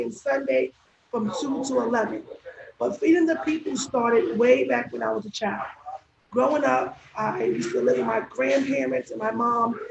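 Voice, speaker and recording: On an echoey, dull live stream full of crowd chatter, a woman with a fairly high, gravelly voice chats casually, playing both a restaurant owner and a guest. Braces slightly impede her speech, and the background is noisy.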